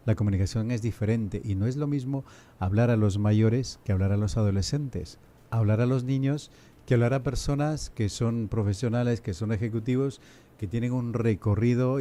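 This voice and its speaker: Man with a mellow, measured delivery. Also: fairly low pitch, a little hiss or hum. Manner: rhetorical questions, measured emphatic delivery. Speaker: priest and podcast host. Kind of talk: didactic podcast talk.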